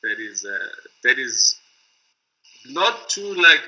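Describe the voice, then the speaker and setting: A man's voice: mid-range voice, sing-song, slow, bright, forceful tone. A middle-aged man and music producer, reflecting thoughtfully and hesitantly, often searching for his words. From South Africa. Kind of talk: reflective talk to camera. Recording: dull lo-fi recording.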